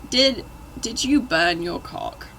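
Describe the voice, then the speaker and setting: A man's voice: sits high, lively intonation, slow pace, sharp tone, slight background noise, pitched above the performer's own voice, exaggerated voice. A woman reading a smug, teasing young man.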